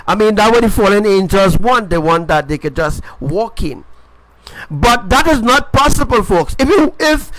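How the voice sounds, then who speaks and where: A man's voice: sits high, lively intonation, moderate pace, noisy background. A man preaching an informal sermon, emphatic and repetitive, often checking in with his listeners. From Caribbean.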